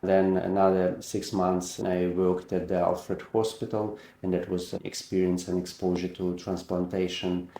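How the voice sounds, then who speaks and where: A middle-aged man from Ukraine with a Ukrainian accent, a surgeon recounting his career in a measured way, restarting words and using slightly non-native phrasing. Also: low-pitched, completely flat delivery, warm tone, echoey room. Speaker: heart and lung surgeon. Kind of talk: personal career account.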